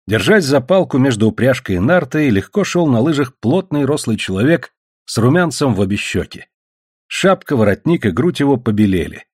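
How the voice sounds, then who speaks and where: A man narrating an audiobook in an expressive storytelling manner. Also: medium pitch, slightly rough, no echo, studio quality. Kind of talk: scripted narration.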